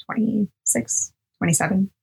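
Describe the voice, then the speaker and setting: A woman's voice: medium pitch, a little slow, gravelly, dark tone, breathy edge. A young woman in her twenties, a sorority chapter president, answering interview questions in a chatty, upbeat way with many ums.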